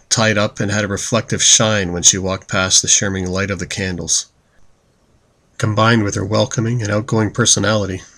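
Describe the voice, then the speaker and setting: A man narrating a fantasy story in a steady, descriptive reading style. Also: lowish voice. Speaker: audiobook narrator.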